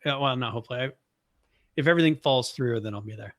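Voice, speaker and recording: A man from the American Northwest co-hosting a podcast in casual chat, talking in a relaxed, rambling way with lots of fillers. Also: mid-range voice, fast, dry recording, clean studio sound. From Boise, Idaho area of the US. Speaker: podcast co-host.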